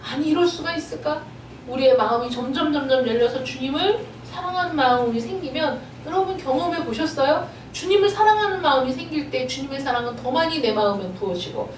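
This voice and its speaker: A woman's voice: extremely high pitch, a little hiss or hum. A woman pastor preaching a sermon with emotion and emphasis, asking many rhetorical questions. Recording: roomy echo, distant mic.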